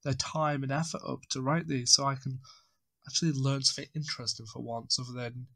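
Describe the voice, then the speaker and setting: A male podcast co-host talks casually in a gravelly, fry-heavy voice. He comes across as eager and a little self-deprecating. His voice is recorded dry, with no room sound. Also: mid-range voice, fairly even intonation, fairly quick, sharp tone, dry recording.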